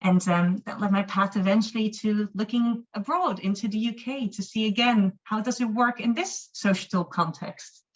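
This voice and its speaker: A Dutch-born humanist chaplain, originally from the Netherlands, explains her field earnestly in a webinar interview, often saying "um" and restarting her sentences. Her medium-pitched voice stays steady at a moderate pace with hardly any pauses, and her mixed Dutch accent carries an Irish-sounding lilt. The video-call microphone gives the audio a dull, lo-fi quality.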